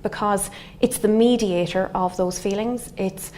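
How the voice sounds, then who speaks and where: A middle-aged woman lectures in a west of Ireland accent, at a medium pitch. She explains things like a researcher, thoughtfully and conversationally, with halting phrasing. A little room noise sits behind her voice. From Galway, west of Ireland. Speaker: research scientist giving a lecture. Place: indoor wood-panelled lecture room. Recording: faint steady room noise.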